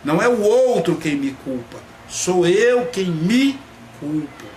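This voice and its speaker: A man, a psychoanalyst, giving a reflective spoken talk and drawing out key words slowly for emphasis. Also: sits high, sing-song, a little mellow. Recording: echoey room, faint background noise.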